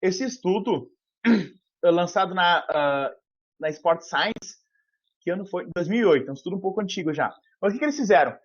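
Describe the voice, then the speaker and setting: Over muffled video-call audio, a man on a headset gives a relaxed online university lecture. He explains aloud with many fillers, speaking at normal speed in a high voice with lively intonation.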